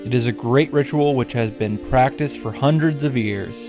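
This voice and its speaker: Over music, a medium-pitched male host recaps a visual novel at a moderate pace. His video game summary is sarcastic and irreverent, full of wry jokes on the side and comic swearing.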